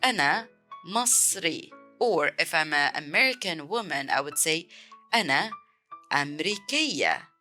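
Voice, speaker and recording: A woman from Egypt with an Egyptian accent, teaching a beginner language lesson and clearly repeating each word several times. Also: low-pitched, big pitch swings, fairly quick, sharp tone, faint music behind. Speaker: Arabic teacher.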